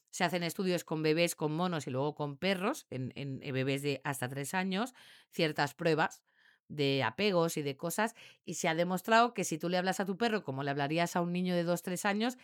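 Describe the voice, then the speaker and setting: A woman, a dog trainer explaining her methods in a casual, animated and jokey way. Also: lowish voice, no room sound, clean studio sound. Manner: animated and jokey, mimics barked commands.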